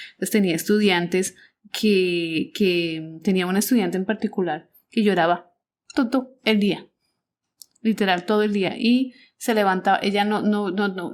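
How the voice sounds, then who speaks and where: A Colombian woman with a Colombian accent, hosting a podcast and reflectively recounting her first year as a teacher, often repeating words and restarting phrases. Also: lowish voice. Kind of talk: personal storytelling podcast.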